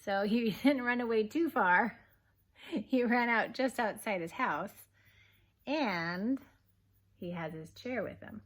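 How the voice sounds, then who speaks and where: A woman with a slightly high voice, a kindergarten teacher, reads a picture book aloud to young children. Her delivery is gentle and expressive, with pauses for questions to the kids.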